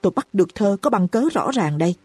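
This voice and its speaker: A woman's voice: mid-range voice, lively intonation, a little mellow, breathy edge, no echo, faint music behind. Woman doing a furious jealous husband. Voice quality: fast, furious accusing. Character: jealous enraged young husband, hot-tempered.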